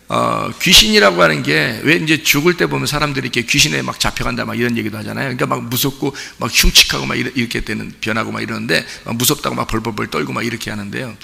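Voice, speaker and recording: During a Sunday service in a church sanctuary, a male pastor preaches conversationally, frequently asking his congregation rhetorical questions. His medium-pitched voice is creaky, bright, and forceful. The recording carries a long church reverb.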